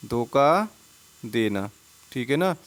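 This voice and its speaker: A man's voice: mid-range voice, big pitch swings, slow pace. A man teaching an English spelling lesson in Hindi over slides, who keeps asking questions and answering them himself and repeats each word.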